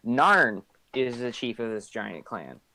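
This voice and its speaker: A man with a mid-range voice plays a tabletop game on a live stream, speaking in character. He is very animated yet slow, with a sharp tone, and he hesitates a lot, filling gaps with ums and letting lines trail off.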